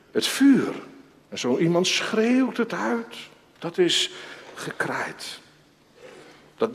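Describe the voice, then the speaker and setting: A man preaching a sermon as pastor, slow and dramatic, now and then crying out loudly. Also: fairly high pitch. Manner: slow, dramatic preaching with sudden raised cries. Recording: long church reverb.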